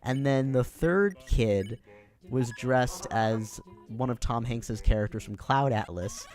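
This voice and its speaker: A man's voice: mid-range voice, slow pace, a little mellow. An American man chatting on his own during a livestream, rambling and self-deprecating with plenty of fillers. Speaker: streamer.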